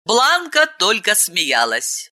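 Lively, slow-reading woman storyteller. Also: medium pitch. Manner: expressive, dramatic storytelling. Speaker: audiobook narrator. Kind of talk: scripted narration.

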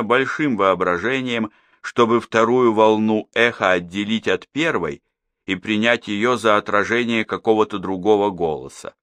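Low, forceful male audiobook narrator. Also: no echo, studio quality. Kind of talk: scripted narration.

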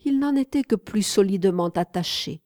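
A woman narrating a literary memoir audiobook in a measured, even storytelling manner. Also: medium pitch, no echo, studio quality. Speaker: audiobook reader.

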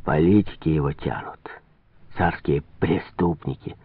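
A man voicing a blunt, hot-tempered working man in a storybook reading, speaking low and gruff. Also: measured pace, dry recording, full character voice. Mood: muttering. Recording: tinny phone-like sound.

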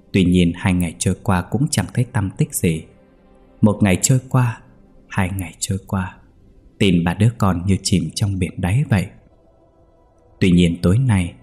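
A man narrating a ghost story in a slow, measured way. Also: low voice, a little mellow, breathy edge.

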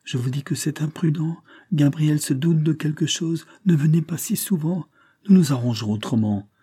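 A man's voice: mid-range voice, animated, moderate pace, warm tone, slightly rough, no echo, studio quality. A man reading aloud voices a feverish, delirious mother who pleads and cries out in rising, frantic tones. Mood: pleading.

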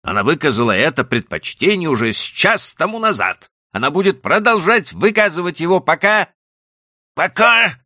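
A man putting on a shrill excitable young wife. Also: normal speed, vocal fry, no echo, studio quality, heavily acted. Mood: exasperated. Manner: high shrill exclamations.

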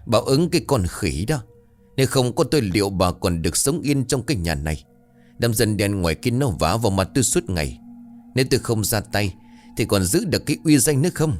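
Man doing a spiteful old sorcerer elder, low voice, gloating, menacing, lively swings. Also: brisk, soft background music. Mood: snarling. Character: vicious old village elder working a curse.

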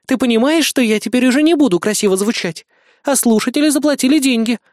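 A man's voice: very high voice, fast talker, no echo, studio quality, pitched above the performer's own voice. A male audiobook reader voicing a fussy young noblewoman who scolds and fusses. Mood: scolding. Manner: scolding, fussing. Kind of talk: audiobook character voice.

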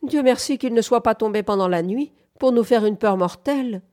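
A woman voicing a sharp-tongued young farm woman who speaks coldly and shrilly, pitched above her own voice. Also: moderate pace, close to an everyday voice. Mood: shrill. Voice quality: cold, shrill.

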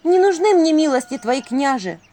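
A woman's voice: high-pitched, animated, normal speed, dark tone, pitched above the performer's own voice. Woman voicing an earnest young maiden. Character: young maiden heroine, shy but earnest.

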